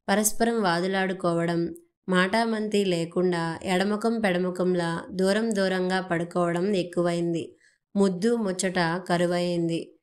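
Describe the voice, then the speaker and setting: A woman narrating an audiobook story in a steady, even way. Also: lowish voice.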